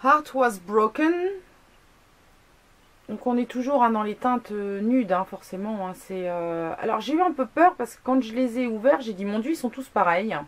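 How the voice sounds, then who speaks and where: A woman's voice: fairly high pitch, expressive, normal speed. Chatty woman reviewing nail polish. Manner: chatty, many fillers and asides; self-mocking humor. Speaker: beauty blogger. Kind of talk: casual product review to camera.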